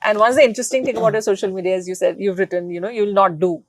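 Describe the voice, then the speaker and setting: A woman's voice: medium pitch, steady tone, very fast, no echo. A woman journalist asking interview questions in a loose, hesitant way with fillers. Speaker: interviewer, correspondent.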